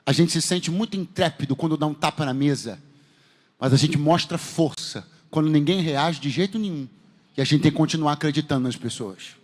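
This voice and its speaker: A man's voice: on the high side, brisk. A man with a Brazilian Portuguese accent, a pastor preaching a fervent sermon and firing rhetorical questions at his congregation. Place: church sanctuary. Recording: long hall reverb in a church.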